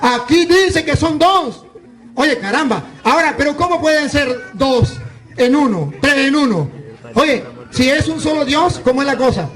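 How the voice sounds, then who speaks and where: Very high-pitched emphatic priest. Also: male voice, moderate pace, rough recording. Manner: animated, emphatic, rhetorical questions. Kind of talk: live religious debate.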